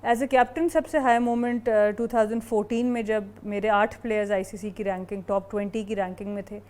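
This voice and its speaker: A woman's voice: mid-range voice, little pitch movement, a little mellow. Articulate woman team captain. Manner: articulate, mixes in English phrases. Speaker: sports team captain guest. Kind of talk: TV interview answers.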